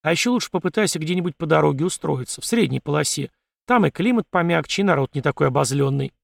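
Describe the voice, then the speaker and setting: A gruff, sardonic survivor giving curt orders with dry mockery, as a male reader plays him. The voice is gravelly and a bit high for a man, recorded close and dry with no room sound. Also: lively intonation, fast, no room sound. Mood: lecturing. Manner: dry, bossy, mocking.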